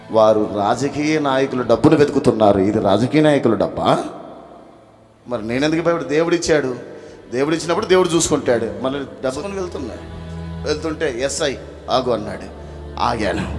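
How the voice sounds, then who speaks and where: A man preaching a revival sermon, telling a testimony and acting out the dialogue, calling the crowd to shout hallelujah. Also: medium pitch. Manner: acts out dialogue in storytelling. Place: revival meeting in a village. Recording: music playing behind the voice.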